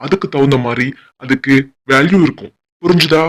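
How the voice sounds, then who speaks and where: A man voicing a calm male officer bird in a cartoon, giving patient instructions. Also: mid-range voice, fairly quick, lightly acted.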